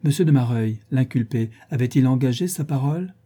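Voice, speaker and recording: A man's voice: mid-range voice, fairly quick, mellow, slightly rough, lightly acted. A man reading an audiobook, voicing a witty, playful aristocratic lady who hands down mock-solemn judgments.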